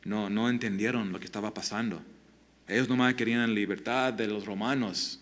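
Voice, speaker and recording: A man preaching a sermon as pastor, earnest and halting, often restarting his words and asking the listeners direct questions. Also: fairly low pitch, steady tone, fairly bright tone. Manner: asks the congregation direct questions.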